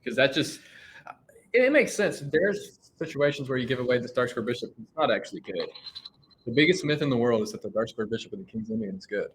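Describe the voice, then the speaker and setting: A man doing live chess commentary in a casual, thinking-out-loud way. He often restarts his sentences and trails off mid-thought. His voice sits at an everyday middle pitch, with a faint hiss behind it. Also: expressive, fast talker, low-quality recording. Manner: thinks aloud with frequent restarts and fillers.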